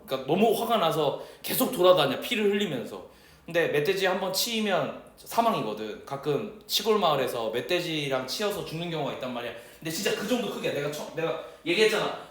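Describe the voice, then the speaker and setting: A male teacher tells a story during a lecture in a casual, animated way and acts out the shouts and voices of the people in it. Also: a little high. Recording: echoey room with a distant mic.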